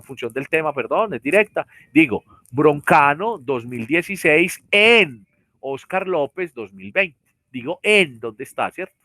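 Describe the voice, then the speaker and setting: A man's voice: fairly high pitch, pushed and bright, no room sound. A man teaching a virtual class, explaining step by step with many fillers and tag questions. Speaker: university lecturer. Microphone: computer mic on a video call.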